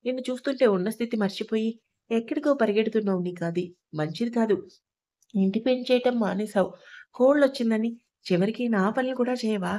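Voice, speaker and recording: A woman's voice: a little high, brisk, mellow, lightly acted. A woman doing a stern scolding old husband. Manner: scolding, lecturing. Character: stern older man, irritable husband and father-in-law. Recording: dull lo-fi recording.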